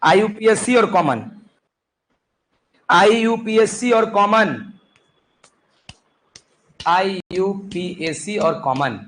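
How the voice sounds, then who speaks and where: Brief: young male chemistry teacher, high and lively voice, classroom lecture with faint background noise. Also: rough recording. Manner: animated, coaxing students, repeated calls to listen.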